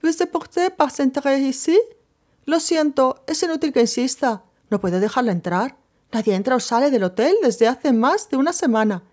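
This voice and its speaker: A woman's voice: high voice, lively intonation, moderate pace, voice pushed up. A woman voicing a frantic middle-aged hotel proprietress with a Corsican Italian accent, pleading and calling out. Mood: pleading, panicked. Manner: pleading, shouting from afar.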